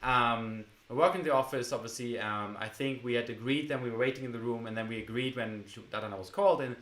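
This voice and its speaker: A man shares a personal story on a vlog in a relaxed conversational tone. He stops and restarts often and leans on fillers. The room gives his voice a noticeable echo. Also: medium pitch, fast talker. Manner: hesitant, many fillers and restarts. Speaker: vlog co-host. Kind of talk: casual storytelling. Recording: echoey room.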